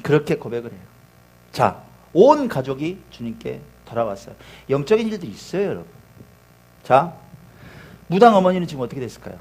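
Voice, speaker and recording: A man's voice: on the high side, sing-song, brisk, long pauses, darkish tone. A male pastor preaching a sermon, telling a story animatedly with rhetorical questions.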